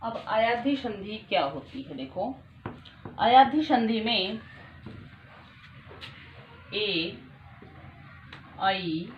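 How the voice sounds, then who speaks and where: A woman's voice: medium pitch, animated, extremely slow, pauses often. A young woman teaching a grammar lesson, patiently repeating each point and checking that her students follow. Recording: echoey room, dull lo-fi sound, faint noise.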